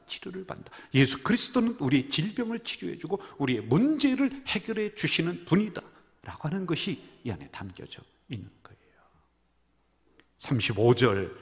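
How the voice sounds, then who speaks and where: Korean pastor preaching in a reverberant hall. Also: male voice, on the high side. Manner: storytelling, swings from loud to whispered. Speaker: senior pastor. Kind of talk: sermon with jokes. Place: church sanctuary.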